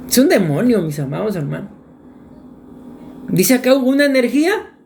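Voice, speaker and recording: A woman's voice: mid-range voice, darkish tone, a little hiss or hum. A woman preaching a sermon in a church, earnest and repetitive, often turning to address her congregation directly. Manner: earnest, repetitive, often calls listeners "my beloved brethren".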